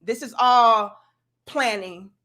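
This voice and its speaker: Skeptical, sarcastic woman livestreamer, higher-pitched. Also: slow pace, bright, forceful tone. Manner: skeptical, sarcastically mimics opposing views; emphatic, punchy delivery with rhetorical questions. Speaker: livestream host. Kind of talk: casual opinionated livestream commentary.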